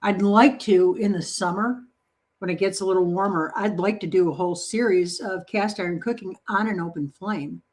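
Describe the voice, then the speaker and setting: A woman's voice: medium pitch, normal speed, a little mellow. A woman hosting a home baking livestream, chatting casually and answering viewer comments in a playful, encouraging way. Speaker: baking channel host.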